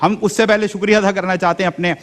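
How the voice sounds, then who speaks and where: A man hosting a TV speech competition, smoothly affirming the judges and thanking sponsors. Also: high-pitched, little pitch movement, big-room sound. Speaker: host.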